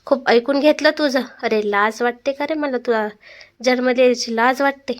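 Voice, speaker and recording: A woman's voice: high voice, steady tone, normal speed, natural voice. A woman voicing a stern, wounded older aunt in a read-aloud family story. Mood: angry.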